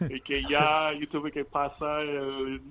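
A middle-aged man calling in to a live radio show over a phone line, talking haltingly and repeating words as he searches for them. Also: fairly high pitch, completely flat delivery. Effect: heard over a phone line. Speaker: caller, father of the guest. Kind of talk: live radio call-in chat.

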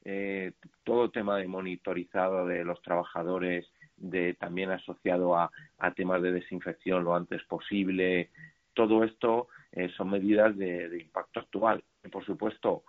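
Calling into a radio show, a deep-voiced man describes his startup event, hesitating often with fillers and restarts. His delivery is flat at a normal speed, and the phone line sounds thin and tinny.

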